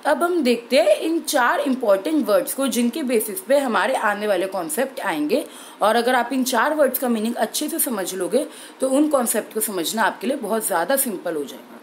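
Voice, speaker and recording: A young woman teacher explaining an exam-prep language lesson clearly and steadily, slowing down on key terms. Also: fairly high pitch, animated, slight background noise, poor audio.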